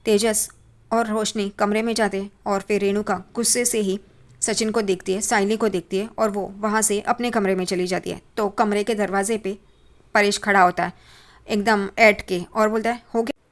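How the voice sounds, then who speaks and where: Woman, mid pitch, casual conversational recap of a drama episode, slips the characters' lines into her retelling. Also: steady tone, normal speed. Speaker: TV serial recap narrator.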